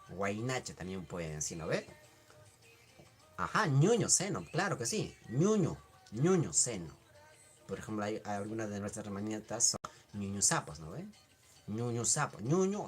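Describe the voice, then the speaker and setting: Male language teacher, unhurried and melodic, in a casual live class. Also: medium pitch. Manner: repeats words slowly, answers chat questions. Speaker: Quechua teacher.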